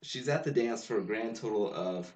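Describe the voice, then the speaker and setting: A man's voice: on the low side, animated, normal speed, darkish tone. Man with dry sarcastic quips. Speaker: podcast co-host. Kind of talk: casual chat.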